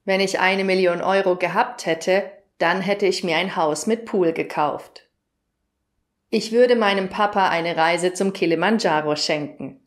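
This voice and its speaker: A German woman with a fairly low voice teaches grammar on video, giving clear explanations and quizzing whoever is watching.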